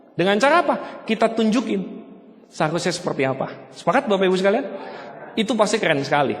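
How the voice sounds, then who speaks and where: A man gives an animated motivational seminar talk, pitched high for a man. He keeps turning to the audience and mimicking loud people for laughs. His voice rings through a hall with a long echo tail. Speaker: motivational speaker for a network marketing business.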